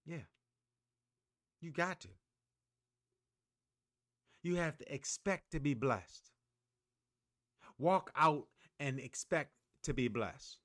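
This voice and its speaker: A man's voice: on the high side, animated, takes it slowly, pauses often, fairly bright tone, no echo, clean studio sound. A man hosting a motivational podcast, preaching emphatically and calling on listeners to repeat after him. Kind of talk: motivational monologue.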